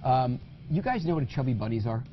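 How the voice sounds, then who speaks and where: A man hosting a casual party game, joking and energetic. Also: medium pitch, fast, dull audio, soft background music. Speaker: host.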